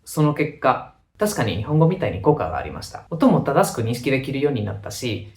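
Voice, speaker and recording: A man talking through a casual vlog in Japanese, a language he learned as an adult, with chatty, lively explanations. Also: mid-range voice, reverberant. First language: not Japanese. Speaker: vlogger. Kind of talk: casual scripted vlog narration.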